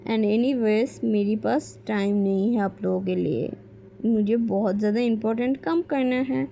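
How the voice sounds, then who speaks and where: A woman's voice: measured pace, vocal fry, mellow. A woman voicing a cold, defiant young daughter who talks bluntly and dismissively. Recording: dull low-fidelity mic with faint background noise.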